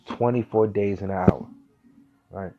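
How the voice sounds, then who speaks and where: A man with a lowish, steady voice and a slightly slow pace hosts a motivational talk, delivering an earnest monologue that urges listeners to grow and stay focused. His speech is casual, full of slang and cursing, and the lo-fi recording sounds dull with faint music underneath.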